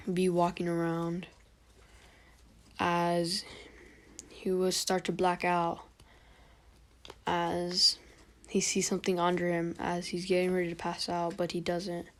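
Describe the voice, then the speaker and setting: A young woman narrates an improvised fan story in a low, very flat, monotone voice. She rambles and halts, filling gaps with ums and likes. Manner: rambling, halting, many fillers.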